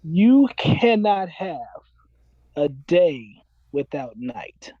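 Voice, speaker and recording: A man's voice: fairly high pitch, sing-song, extremely slow, dry recording, highs cut off. A man in his forties, a self-described minister, talking earnestly and preachily in a casual interview and repeating his key phrases. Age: 40s.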